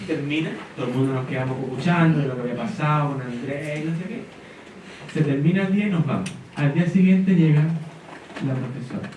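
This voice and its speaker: A man's voice: on the high side, fairly quick. A middle-aged man telling a story to an audience and acting out the quoted lines. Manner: animated storyteller, acts out quotes. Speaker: speaker at an education panel. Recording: echoey hall from far off, faint noise.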